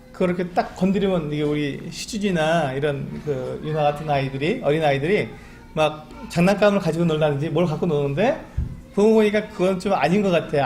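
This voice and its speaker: Conversational Korean pastor preaching. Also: male voice, on the high side, darkish tone, a little hiss or hum. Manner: conversational preaching with rhetorical questions; acts out quoted pleas to God. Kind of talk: Sunday sermon. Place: church sanctuary.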